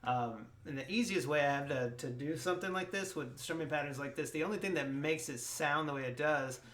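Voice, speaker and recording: A man giving a casual guitar lesson in a relaxed way, with frequent ums and restarts. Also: on the high side, brisk. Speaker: guitar teacher. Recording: roomy sound with loud guitar. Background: his own guitar playing.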